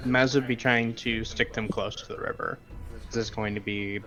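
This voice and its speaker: A man narrating as game master of a tabletop game over a voice call, hesitant with many filler pauses. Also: lowish voice, steady tone.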